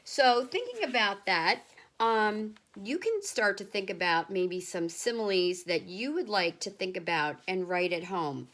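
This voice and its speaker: A woman teacher explaining similes and reading a children's story aloud, gentle and patient. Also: medium pitch, expressive. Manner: gentle, explanatory, slow with pauses. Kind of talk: read-aloud lesson for children.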